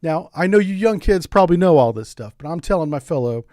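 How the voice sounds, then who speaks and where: A man's voice: on the high side, lively intonation, fast, warm tone, no room sound, studio quality. A middle-aged man from the United States streaming a game in a casual, rambling, joking way, often repeating words as he goes. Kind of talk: casual gameplay commentary.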